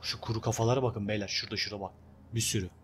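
A young man casually commenting on his own gameplay, chatty and excitable, talking to his viewers and urging on the game character. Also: on the low side, rapid-fire, a little hiss or hum. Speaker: gameplay video host. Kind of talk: casual let's-play commentary.

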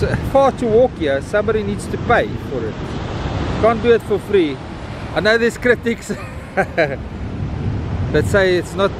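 Noisy wind on the recording, South African man, high voice, casual beach vlog narration, informal, repeats phrases. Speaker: vlogger filming a morning beach walk. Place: outdoors on a windy beach. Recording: outdoor recording with loud wind noise. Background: wind and outdoor ambience.

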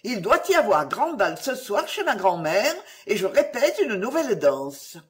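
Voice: medium pitch, sing-song, unhurried. A storyteller voicing a vain young female stork who answers in a chirpy, haughty way.

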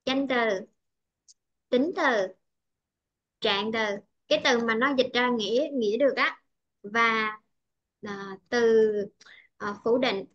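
High-pitched Vietnamese woman teaching English. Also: slow, pauses often, muffled recording. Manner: patient, repeats and checks understanding often. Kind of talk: online English pronunciation tutoring.

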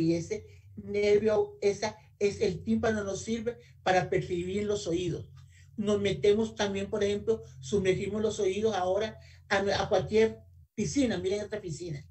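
A woman gives a lively webinar talk as a guest audiology technician. She speaks straight to her listeners in a mid-range voice and asks for the next slide as she goes. The mic picks her up from a little way off. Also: mid-range voice. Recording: voice a bit far from the mic.

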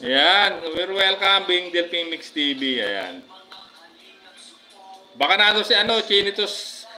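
A man with a Filipino accent, chatting casually on a live stream, giving viewers shoutouts with many fillers. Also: high voice, expressive, takes it slowly, soft background music, rough recording. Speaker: livestream vlogger.

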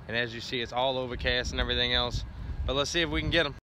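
A man's voice: medium pitch, steady tone, rapid-fire. A man, chatting casually to the camera while fishing on a windy lakeshore, rambling and talking to himself between casts. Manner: laid-back, rambling, talks to himself while casting. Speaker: fishing vlogger. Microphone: action camera, head-mounted and handheld. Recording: background music under the voice.

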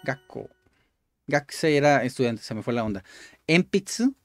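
A man's voice: mid-range voice, a little fast, soft background music. A man giving casual gameplay commentary, repeating each word aloud and explaining it like a patient tutor. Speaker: gaming YouTuber.

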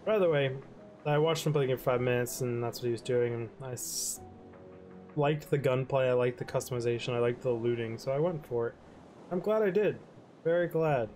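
A man's voice: medium pitch, brisk, a little mellow, soft background music. A young man hosting a gaming channel, chatting loosely and rambling while game credits roll, his talk trailing off now and then. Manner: laid-back, rambling, yawning, trails off. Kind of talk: rambling let's-play commentary over credits.

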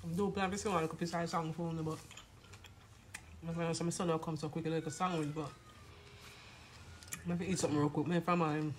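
A woman chatting casually to camera at home, eating and gently scolding her toddler between bites. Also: low voice, flat delivery, fairly quick, pauses often, slight background noise. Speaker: vlogger and mother.

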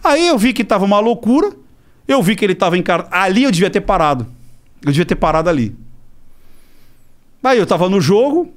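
A man, a podcast guest telling an animated story, swearing freely and acting out other people's voices. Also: sits high, brisk, long pauses. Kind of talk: animated storytelling in casual chat.

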